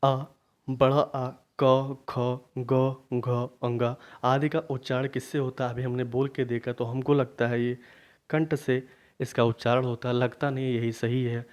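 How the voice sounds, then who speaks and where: A man teaching a grammar lesson for exam preparation, asking questions and then answering them himself, repeating key points slowly. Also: mid-range voice, flat delivery, a little mellow. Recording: dull lo-fi recording.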